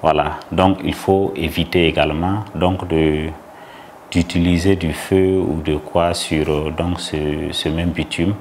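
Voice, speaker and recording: Deep, flat-voiced man with a Burkinabè French accent, halting interview answer, faint hiss behind. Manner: halting, many fillers.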